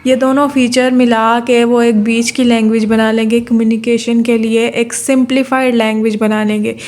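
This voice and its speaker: A woman from Pakistan giving a university lecture, reading definitions out slowly, then explaining them while repeating herself and checking in with the class. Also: on the high side, flat delivery, darkish tone. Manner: repeats phrases and checks in with listeners ("theek hai").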